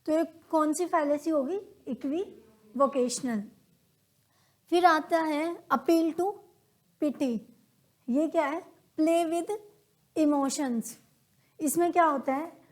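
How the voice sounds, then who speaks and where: Speaking very slowly and pausing often, a woman with an Indian accent and a high-pitched voice walks a class through logical reasoning. She asks questions patiently and answers them herself, acting out ordinary examples as quoted conversations.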